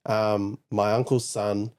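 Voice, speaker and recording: A man's voice: on the low side, flat delivery, slow pace, a little mellow, clear, resonant tone. A man in his twenties with a New Zealand accent, telling stories bluntly and swearing in a casual podcast chat. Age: 20s. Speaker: podcast co-host and father.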